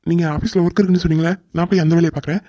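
A man's voice: a little high, steady tone, very fast, dark tone, slight background noise, natural voice. A man voicing a cheeky young male assistant in a cartoon drama, teasing his boss. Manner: teasing, playful. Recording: dull lo-fi recording.

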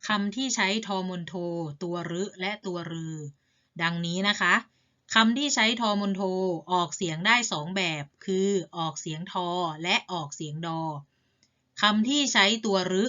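A woman's voice: medium pitch, moderate pace, sharp tone, lo-fi sound. A woman teaching a reading lesson to primary school children in a patient, polite way. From Thailand.

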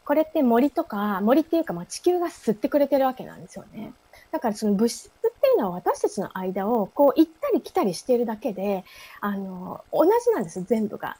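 A woman giving a prepared talk to an audience, speaking softly with frequent fillers and posing questions to listeners. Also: medium pitch, slightly rough.

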